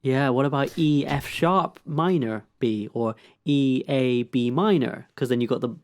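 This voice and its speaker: A man co-hosting a songwriting podcast, asking curious, detailed questions in a relaxed, playful chat. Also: mid-range voice, unhurried. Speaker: podcast co-host. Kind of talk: casual chat about songwriting.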